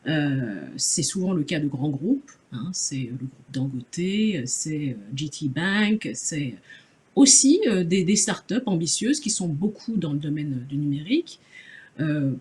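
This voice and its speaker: A Nigerian woman who has spoken English from birth talks as a journalist on a conference panel. Her voice is low and darkish, expressive and unhurried, but she hesitates, with many fillers and restarts.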